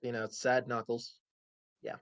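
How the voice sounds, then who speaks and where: A man's voice: mid-range voice, monotone, moderate pace, fairly bright tone, dry recording. A man hosting a casual talk show, rambling through game lore with plenty of fillers and restarts. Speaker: host. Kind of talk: casual podcast chat.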